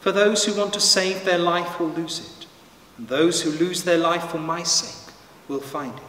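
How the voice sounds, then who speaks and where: A man, a priest, reading the gospel in a measured, solemn way, heard from a distance in a big church with a long cathedral echo. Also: on the high side, steady tone, pushed and bright. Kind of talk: liturgical scripture reading. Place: large church. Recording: long church reverb from far off, faint noise.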